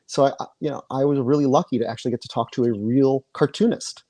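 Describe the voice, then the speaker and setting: A middle-aged man from Michigan chats as an interview guest over a video call. His voice is dark and mellow, recorded dry with no room sound. He circles his points with lots of restarts and filler. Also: mid-range voice, fairly even intonation, fast, dry recording. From Michigan, USA. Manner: chatty, many restarts and repeated words. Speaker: guest comic artist. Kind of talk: casual interview. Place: home room with bookshelves.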